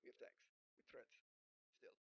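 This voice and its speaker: Over game music and through a dull, muffled lo-fi mic, a woman hosting a gaming video gives let's play commentary. She reads the game's dialogue aloud in a halting, stumbling way, frequently correcting herself.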